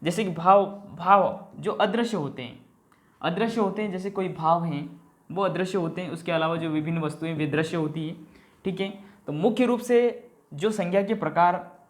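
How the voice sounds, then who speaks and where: A man's voice: sits high, moderate pace. A man teaching an exam-prep grammar lesson. He poses questions, answers them himself, addresses viewers as companions and keeps checking in with a short "okay".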